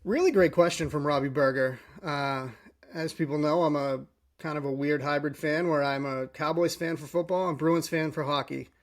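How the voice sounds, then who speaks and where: A man's voice: a little high, moderate pace. A podcast host, a man, ranting about sports in a frustrated, worked-up way and running out of breath.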